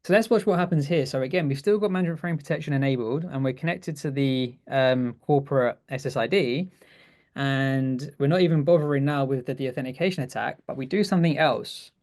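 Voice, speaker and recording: A man's voice: medium pitch, a little fast, darkish tone. A man co-presenting a webinar, chatting casually through a technical demo with frequent restarts and easy laughs. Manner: chatty, self-correcting, laughs easily.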